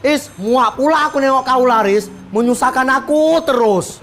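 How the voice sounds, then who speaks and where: A woman with a Medan accent playing a sharp-tongued, bossy middle-aged woman who scolds and complains bluntly. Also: high voice, moderate pace, soft background music. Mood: scolding. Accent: Medan Indonesian. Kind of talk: comedy web drama acting.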